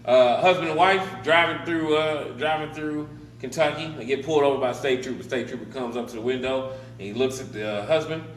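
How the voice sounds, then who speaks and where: A man's voice: medium pitch, a little fast, slight background noise. A man co-hosting a comedy show, trading old jokes in casual banter and often laughing as he tells them. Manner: lively storyteller, laughs often. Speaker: comedy podcast co-host. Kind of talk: casual banter, joke-telling. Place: comedy club. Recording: echoey room from far off.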